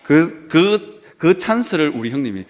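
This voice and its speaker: A man's voice: on the high side, big pitch swings, measured pace. A male pastor preaching a sermon in a church, telling a family story and acting out the dialogue in it.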